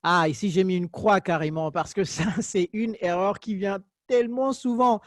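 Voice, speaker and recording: A man's voice: high voice, normal speed, no room sound, studio quality. A man teaching an English class online, correcting common mistakes with jokes and laughter. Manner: joking, lively teacher who corrects errors and laughs.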